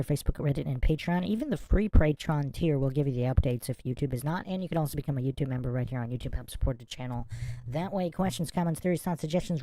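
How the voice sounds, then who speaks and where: A woman with a low, dark-toned voice hosts a livestream exposé. Her delivery is smug and sarcastic as she comments and reads from documents. The sound is dry and close. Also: dry recording. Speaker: podcast host.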